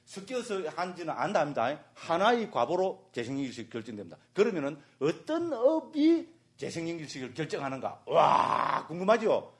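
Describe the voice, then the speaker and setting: Lively husky-voiced monk lecturer, man. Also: sits high. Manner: keeps asking the class "right?", jokey and lively. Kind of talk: animated dharma lecture. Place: meditation center lecture hall.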